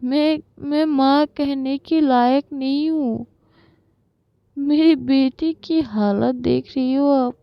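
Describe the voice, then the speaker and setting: A woman's voice: high voice, gravelly, smooth, no echo, highs cut off, full character voice. A woman voicing a grief-stricken mother who tearfully blames herself. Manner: tearful, self-reproaching.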